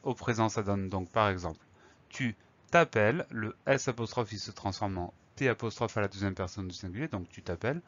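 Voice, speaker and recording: A man teaching a spelling lesson, calmly explaining words and spelling them letter by letter. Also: lowish voice, brisk, highs cut off.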